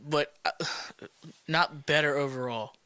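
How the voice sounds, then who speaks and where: A man's voice: a little high, steady tone, a little slow, bright, forceful tone, smooth, dry recording. A man co-hosting a casual sports podcast, laid-back and skeptical, talking loosely with plenty of fillers. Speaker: podcast co-host.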